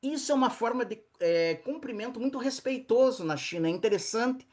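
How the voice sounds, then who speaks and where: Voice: mid-range voice, animated, darkish tone. Brazilian tour leader lecturing. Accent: Brazilian Portuguese. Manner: explanatory, constantly adds "né?" tag questions; patient, repeats words slowly for practice. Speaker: tour leader teaching travelers. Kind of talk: online slide presentation lecture.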